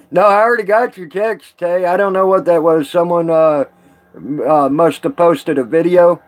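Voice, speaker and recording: Man, live-stream chat, rambling, folksy, laughs a lot, higher pitch. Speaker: live streamer chatting with viewers.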